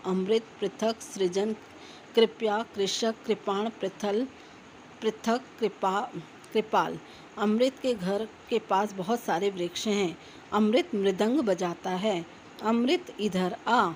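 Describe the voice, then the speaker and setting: A woman teaching a young children's class, slowly spelling out words sound by sound as she reads from a textbook. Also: mid-range voice, darkish tone, a little hiss or hum, low-quality recording. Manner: slow, careful spelling out of sounds for young pupils. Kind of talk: reading a children's textbook lesson aloud.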